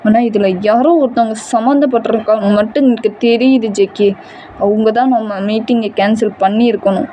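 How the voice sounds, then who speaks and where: A woman's voice: fairly high pitch, steady tone, brisk, mellow, a little hiss or hum, lightly acted. A woman voicing an anxious young man, a loyal friend, who talks in a worried, pleading way.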